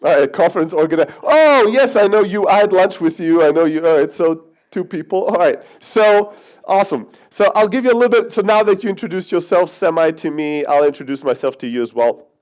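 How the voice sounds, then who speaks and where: The voice sits high with lively intonation, a slightly fast pace and a darkish tone, and the audio is poor. It's a Greek-born, German-raised man in his thirties delivering a cheeky keynote in a conference hall, joking with listeners and occasionally cursing.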